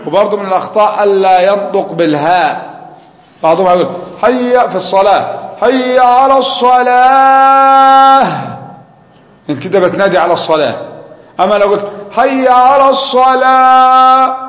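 A man with an Egyptian Arabic accent teaching a religious lesson. He explains step by step, keeps asking the class questions, and chants phrases to demonstrate them. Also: high-pitched. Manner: chants the call to prayer to demonstrate it. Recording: echoey hall, dull lo-fi sound.

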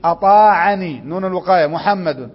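A man's voice: high-pitched, brisk, long reverb tail, lo-fi sound. A man with an Egyptian accent teaching a grammar lesson, prompting students with questions and reading rules aloud. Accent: Egyptian Arabic.

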